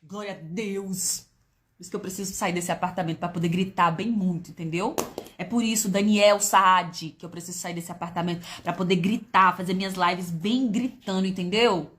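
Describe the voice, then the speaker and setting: A woman's voice: lowish voice, steady tone, fairly bright tone, a little hiss or hum. A woman hosting a casual devotional live stream, reading scripture with emotional exclamations and calling out her viewers by name. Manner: sings hymn verses slowly. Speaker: Bible study host on a live stream. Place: apartment.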